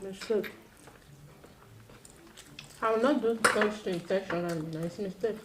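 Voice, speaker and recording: A mukbang vlogger with a Nigerian accent pranks her husband, giggling and bantering playfully with him while she eats. Her voice is medium-pitched at a moderate pace, with background noise audible.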